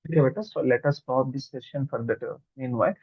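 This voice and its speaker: A man's voice: mid-range voice, rapid-fire, husky, no room sound, highs cut off. A man with a Telugu Indian accent, a native Telugu speaker, teaching chemistry exam questions informally in two mixed languages and often checking in with students.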